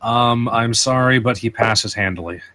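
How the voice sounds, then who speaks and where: A man running a tabletop game as game master, narrating scenes and rulings in an animated, descriptive way. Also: medium pitch, moderate pace, noisy background.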